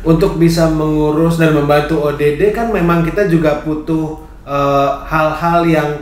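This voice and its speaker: Calm male interviewer in an echoey room. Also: moderate pace. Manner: calm, encouraging, lots of murmured agreement. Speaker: interview host. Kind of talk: interview questions. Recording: echoey room, faint rumble.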